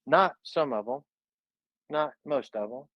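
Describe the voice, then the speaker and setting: A man's voice: medium pitch, lively intonation, takes it slowly, no echo, dull audio. A man retelling a scripture story in a fervent, preaching style, full of dramatic repetition.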